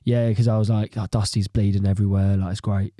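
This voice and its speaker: Mellow man, laughing and excitable. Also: on the low side, fast, no echo, clean studio sound. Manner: excitable, laughs often, acts out reactions. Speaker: podcast co-host. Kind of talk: casual chat.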